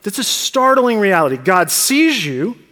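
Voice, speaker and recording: High-voiced pastor preaching in a reverberant hall. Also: male voice, big pitch swings, measured pace, bright, forceful tone. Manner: earnest, conversational preaching with rhetorical questions. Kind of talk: sermon. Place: church sanctuary. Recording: long church hall reverb.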